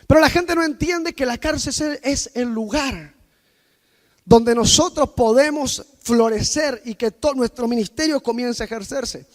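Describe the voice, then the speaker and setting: Male preacher with a very high voice, impassioned sermon delivery that rises to shouts and drops to near-murmurs, speaking straight to the congregation. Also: a little slow. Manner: impassioned, swinging between loud outbursts and quiet asides; personal storytelling addressed to the congregation.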